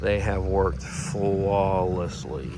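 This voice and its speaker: A man giving a casual walkaround of a vehicle he is giving away. He rambles, loses his train of thought and slips into a playful infomercial-style sales pitch. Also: fairly even intonation, very slow, noisy background. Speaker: vlogger showing a vehicle giveaway.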